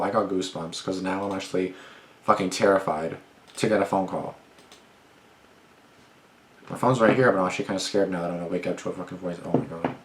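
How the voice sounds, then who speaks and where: A man's voice: sits low, echoey room. A young man hosting a reaction video, talking in a casual, jumpy way and swearing often. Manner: jumpy and nervous, swears freely. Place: dim room at night.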